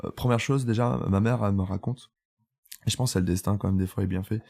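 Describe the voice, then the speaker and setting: A man in his twenties, a photographer from Italy whose first language is Italian, speaks French as a guest on a casual podcast interview. He tells his story candidly with many fillers and restarts, in a fairly low, steady, creaky voice with a darkish tone and a quick pace.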